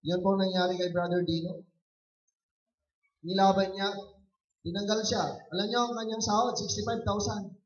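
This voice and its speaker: Pastor man shouting his sermon, echoey muffled church recording. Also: high voice, flat delivery, normal speed, long pauses, far from the mic. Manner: preaching with shouted calls for applause. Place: church hall.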